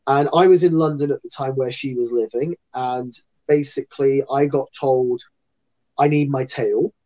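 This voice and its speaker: Man, interview guest, chatty, rambling storyteller, mellow voice, muffled lo-fi sound. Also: mid-range voice, fairly even intonation, moderate pace. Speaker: guest entertainer and actor. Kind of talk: casual interview chat.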